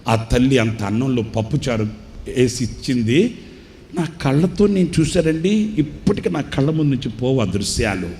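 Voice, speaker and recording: A man's voice: mid-range voice, lively intonation, moderate pace, warm tone, slight background noise. A male pastor preaching a sermon, telling a moving story with rising emotion.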